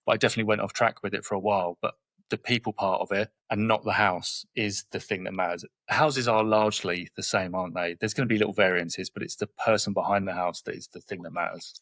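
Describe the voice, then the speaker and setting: A man's voice: on the low side, fairly even intonation, fast, fairly bright tone, no echo. A man in his forties with a southern English accent. He is a guest in a podcast interview, talking straight and telling stories with quoted exchanges. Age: 40s. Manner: straight-talking, tells anecdotes with quoted dialogue. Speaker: guest, property investor.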